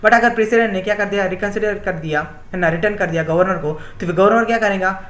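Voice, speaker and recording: A man's voice: high-pitched, quick pace, a bit bright. A young man teaching an exam-prep class in Hindi mixed with Indian-accented English, often repeating himself and asking his students "my friends". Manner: repetitive, often asks "my friends" and "है ना". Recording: echoey room.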